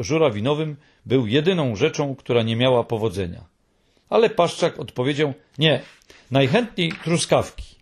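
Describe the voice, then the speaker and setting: Male narrator for a storybook; husky, animated delivery with lots of pitch movement. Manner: expressive reading.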